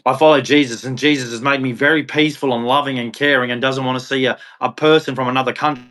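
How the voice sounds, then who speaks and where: A fast, somewhat bright, mid-range male voice with fairly even intonation. The live streamer, an Australian, gives his chat a blunt, confrontational rant and closes by preaching about religion.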